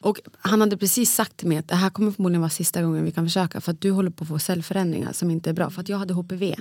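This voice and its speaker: A young woman telling a personal story in casual conversation, lively and acting out what people said. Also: fairly low pitch, no echo, studio quality. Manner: animated, acts out quoted dialogue. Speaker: podcast guest.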